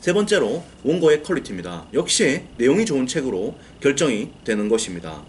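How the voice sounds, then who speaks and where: Man, writing coach, lecturing with a lively, animated delivery over faint background noise; repeats himself for emphasis. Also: mid-range voice, brisk. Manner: explanatory, repeats key phrases, asks and answers own questions.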